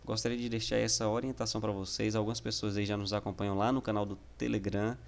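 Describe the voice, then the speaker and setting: A Brazilian man with a low, gravelly voice gives a casual online lesson. He explains step by step in a patient way and keeps checking in with the viewer. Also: little pitch movement, quick pace. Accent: Brazilian Portuguese. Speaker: teacher.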